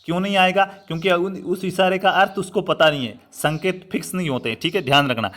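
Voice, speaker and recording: Young guy from rajasthan teaching an online class, a bit high voice, repeats stuff to make it stick. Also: fast, a bit bright. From Rajasthan, India. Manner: repetitive, explanatory, addresses students as friends. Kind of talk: online exam-prep lecture.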